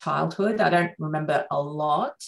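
A middle-aged woman with a notably low voice talks through a relaxed interview as a surgeon guest. Born in Sri Lanka, she speaks in a chatty, reflective way, often pausing on fillers. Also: creaky, low-quality recording.

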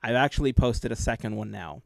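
A man's voice: medium pitch, expressive, brisk, vocal fry, no echo. A man co-hosting a casual podcast chat, explaining his gaming experience earnestly and at length. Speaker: podcast co-host and gameplay video creator.

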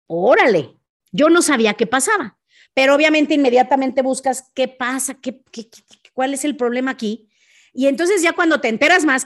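Chatty Mexican woman telling a story. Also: a little high. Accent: Mexican Spanish. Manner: animated retelling with sound effects and asides. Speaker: podcast host. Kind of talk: casual storytelling monologue.

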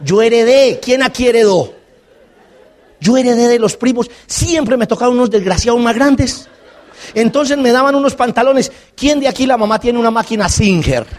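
A Colombian man with a noticeably high-pitched voice gives a lively motivational talk. He tells stories and jokes and keeps turning to the audience with questions. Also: moderate pace. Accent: Colombian Spanish. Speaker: motivational speaker. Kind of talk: live storytelling talk to an audience.

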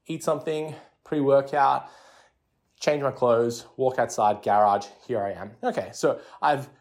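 A man's voice: medium pitch, unhurried, darkish tone. A man in his thirties talking casually as a solo fitness podcast host, giving coaching tips in short, repeated, conversational phrases. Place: home garage. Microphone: handheld or personal recording device.

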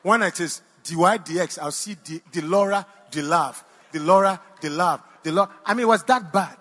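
High-voiced Ghanaian preacher telling a story. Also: male voice, normal speed. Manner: animated, swings from hushed to shouting, addresses the audience directly. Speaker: pastor. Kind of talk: storytelling sermon.

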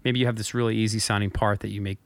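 A man's voice: on the low side, little pitch movement, very fast, dry recording. A man co-hosting a casual podcast, telling a rambling story with frequent restarts and stutters. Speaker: podcast co-host and drummer. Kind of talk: casual chat.

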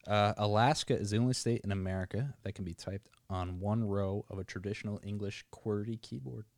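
Lower-pitched joking male podcast co-host. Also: fairly even intonation, fairly quick, darkish tone, dry recording. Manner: joking, storytelling. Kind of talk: casual chat.

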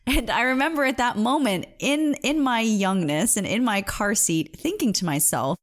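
A woman's voice: on the high side, animated, moderate pace. A woman in her thirties, a singing coach, giving an earnest, emphatic motivational talk with personal stories.

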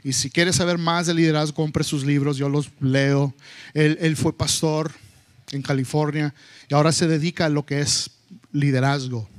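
A man preaching a sermon to his congregation, animated and mixing in English phrases, sometimes acting out loud scoldings of his children. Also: a little high, moderate pace. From United States. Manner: slips between Spanish and English. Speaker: pastor.

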